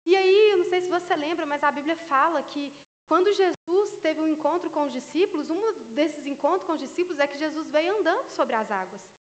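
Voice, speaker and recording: A woman preacher giving a sermon in a relaxed, joking, conversational way at a church service. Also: high voice, a little fast, highs cut off. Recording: long reverb in a large hall.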